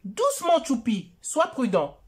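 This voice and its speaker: Storybook mom, soft and reassuring, slow and lilting, read by a woman. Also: sits high, huge pitch swings, breathy edge, exaggerated voice. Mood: caring. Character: gentle caring mother.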